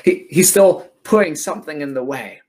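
A male preacher delivering a sermon in a fairly high voice. He retells a scripture story dramatically. He repeats key phrases for emphasis. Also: animated, moderate pace, a little mellow.

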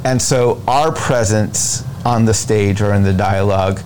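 American man explaining deliberately, noisy background. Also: lowish voice, a little mellow. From United States. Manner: deliberate, emphatic, repeats phrases in lists. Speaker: interview guest, presidential candidate. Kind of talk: explanatory political interview talk. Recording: noticeable background noise.

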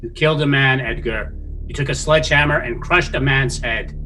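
Actor as composed, skeptical asylum doctor. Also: male voice, mid-range voice, sharp tone, a little hiss or hum, lightly acted, rough recording. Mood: accusing. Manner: measured, condescending, probing. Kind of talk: dramatic audio drama acting.

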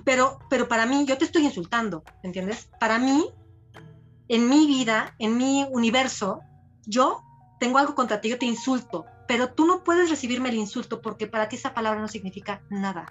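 Expressive woman, higher voice. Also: normal speed, dull audio, faint music behind. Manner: expressive, acts out quoted voices. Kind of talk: podcast conversation.

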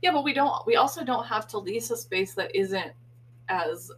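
A woman's voice: mid-range voice, lively intonation, moderate pace, far from the mic, poor audio. A young pregnant woman, co-hosting a casual podcast chat, teasing and laughing often while sounding sleepy. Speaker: podcast co-host, hairstylist.

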